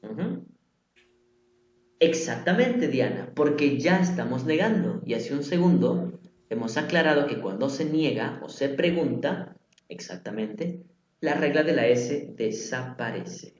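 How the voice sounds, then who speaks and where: A man's voice: mid-range voice, animated, a little slow. A man teaching a live online language class, patiently repeating example phrases and putting questions to his students. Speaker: English teacher. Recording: echoey room, dull lo-fi sound.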